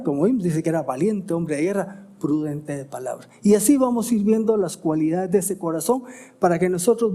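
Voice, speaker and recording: Pastor preaching, high mellow voice, pushes the questions then drops low for the answers. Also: male voice. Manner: rising emphatic questions then quiet answers; stops to self-correct and ask "¿verdad?". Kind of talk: sermon.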